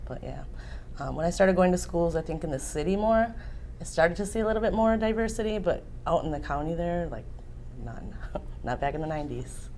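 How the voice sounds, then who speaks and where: A woman in her forties from Illinois, interviewed, talking casually and softly with many fillers. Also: on the low side, lively intonation, a little fast, slight background noise. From Waukegan, Illinois. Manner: soft-spoken, many ums and likes.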